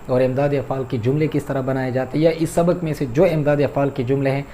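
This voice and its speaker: A man's voice: mid-range voice, little pitch movement, dark tone, a little hiss or hum. A man teaching an Urdu class, explaining vocabulary and repeating words to correct their pronunciation, addressing listeners politely. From Pakistan. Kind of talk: lecture on vocabulary and grammar.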